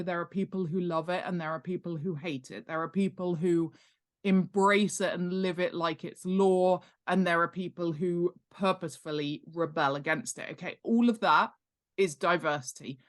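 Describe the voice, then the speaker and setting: Appearing as a guest on a podcast, a middle-aged British author and world-building expert gives conversational explanations in an interview, repeating words for emphasis. She speaks with a fairly low pitch at a moderate pace.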